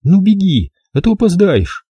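A man's voice: sits high, big pitch swings, moderate pace, mellow, breathy edge, no echo, dull audio, pitched above the performer's own voice, exaggerated voice. A man doing a fretful nagging mother. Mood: tender. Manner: smothering, nagging. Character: fussy anxious middle-aged mother. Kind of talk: audiobook character voice.

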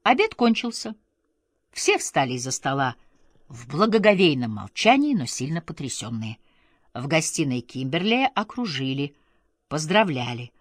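A woman reading a classic novel aloud as an audiobook narrator, with an expressive, theatrical delivery. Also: sits low, moderate pace, dry recording, studio quality. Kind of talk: scripted literary narration.

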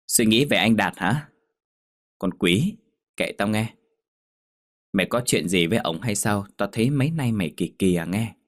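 A man voicing a blunt, outspoken young woman friend who exclaims loudly. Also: fairly low pitch, lively intonation, normal speed, long pauses. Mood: teasing.

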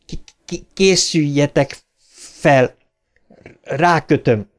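A man's voice: a little high, voice pushed up, close to an everyday voice. A man voicing a brave, stuttering boy who leads his gang of friends, in an audiobook reading. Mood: hesitant. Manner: heavy stutter. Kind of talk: audiobook character voice.

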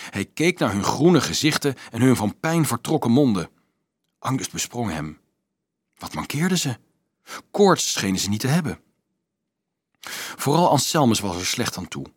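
A man reading a novel aloud in an expressive, storytelling way. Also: medium pitch, moderate pace, long pauses, husky, no echo, clean studio sound. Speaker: audiobook narrator. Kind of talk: scripted narration.

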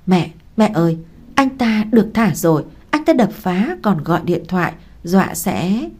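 A woman's voice: medium pitch, very animated, moderate pace, darkish tone, slightly rough. A woman voicing a frightened young wife who speaks in a trembling, fearful way.

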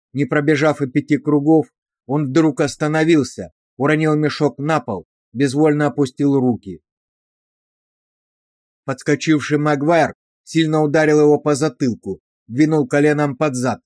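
A man narrates a novel aloud in an even, measured manner. His voice sits a little high. The recording is dry and close, with no room sound. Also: dry recording. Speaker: audiobook narrator. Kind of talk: scripted audiobook narration.

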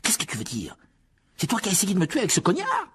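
A man voicing a young boy wizard in an audiobook drama, asking sharp, demanding questions. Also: mid-range voice, sing-song, fast, breathy edge, exaggerated voice.

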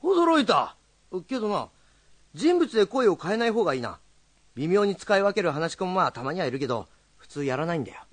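A blunt, hot-headed young rakugo teller who speaks. His voice sits high and swings widely as he scolds. The sound is close and dry. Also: sing-song, no echo. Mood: gruff. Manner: gruff, rough-tongued and quick to scold. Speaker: rakugo storyteller teaching students. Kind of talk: film drama acting.

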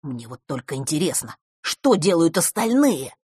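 A woman's voice: mid-range voice, expressive, moderate pace, breathy edge, no echo, studio quality. A woman voicing a lazy, grumbling boy at summer camp who drawls his lines.

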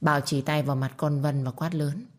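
A woman narrates an audiobook story in a steady, even way. Her voice sits low for a woman. A colors the reading. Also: a little fast.

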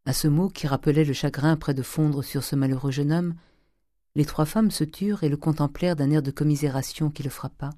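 A reader narrating a classic novel in a measured, even way. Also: mid-range voice, no room sound, clean studio sound. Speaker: audiobook reader. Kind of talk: literary audiobook narration.

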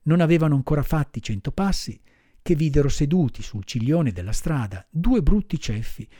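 Male audiobook narrator, animated delivery, mellow tone, dry close sound. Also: on the high side, no room sound. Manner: expressive, storytelling. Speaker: audiobook reader. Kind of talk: storybook narration.

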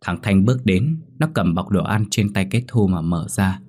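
A man narrating a ghost story in a steady, somber manner. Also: sits low, normal speed, breathy edge. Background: faint music.

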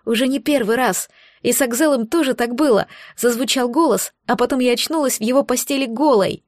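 A woman reading an audiobook, voicing a frightened young woman who pleads quickly in a higher voice. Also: darkish tone, dry recording, clean studio sound, lightly acted. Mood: pleading.

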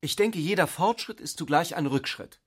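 An actor playing a calmly provocative, ironic grown man in a radio play. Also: a little high, normal speed, breathy edge, pitched above the performer's own voice.

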